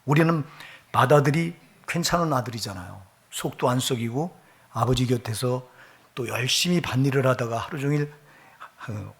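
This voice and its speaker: A male pastor giving a Sunday sermon. He preaches emphatically, with loud rising stretches, drops into low trailing endings, and acts out the lines of the people he quotes.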